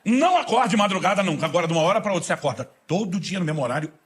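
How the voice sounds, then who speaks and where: A middle-aged man preaching a sermon as a pastor, acting out dialogue with rising emphasis and a husky voice. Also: sits high, lively intonation, rapid-fire, fairly bright tone.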